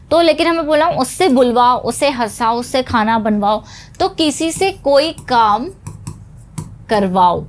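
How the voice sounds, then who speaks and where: Patient woman teaching English phrases. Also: high voice. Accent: Indian English. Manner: explains patiently, then says example phrases slowly. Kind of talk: spoken English lesson in Hindi.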